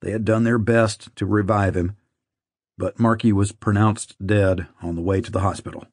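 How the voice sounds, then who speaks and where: A man narrating an audiobook in a measured, somber reading. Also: on the low side, fairly even intonation, a little mellow, dry recording, clean studio sound. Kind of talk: scripted narration.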